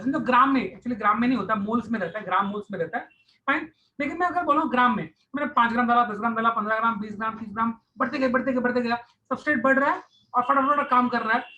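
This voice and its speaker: Male science tutor, online lecture, bright and crisp tone, repetitive step-by-step explaining. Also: very high-pitched, slight background noise, rough recording. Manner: repeats key phrases, mixes English terms into Hindi. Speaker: science teacher.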